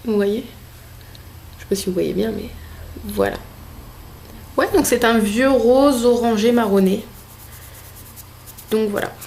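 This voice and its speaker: A woman's voice: on the high side, unhurried, long pauses, darkish tone, a little hiss or hum. Chatty young woman showing makeup. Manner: chatty, hesitant, many fillers and restarts. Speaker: beauty vlogger. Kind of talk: casual makeup haul vlog. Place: home room with a desk.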